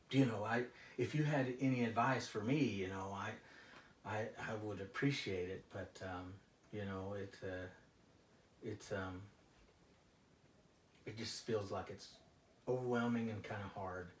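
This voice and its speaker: Distant and echoey, with faint noise, a man acts out a male therapy client worn down by stress. He is a frustrated working family man who confides haltingly, trailing off between phrases. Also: on the low side, fairly even intonation. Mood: anxious, hesitant. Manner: halting, hesitant, confessional, with frequent trailing phrases. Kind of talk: therapy role-play.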